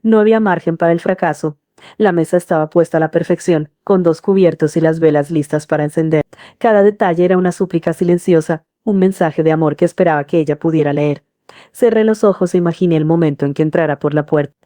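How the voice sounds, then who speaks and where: A middle-aged woman reads a first-person story in a calm, earnest manner. Her voice is low and dark-toned. The recording is close and dry. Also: quick pace, no echo. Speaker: narrator. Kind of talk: scripted first-person narration.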